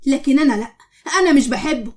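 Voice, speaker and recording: A woman's voice: sits high, fast, a little mellow, natural voice. A woman with an Egyptian accent voicing a bitter, harsh young married daughter who speaks sharply. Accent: Egyptian Arabic.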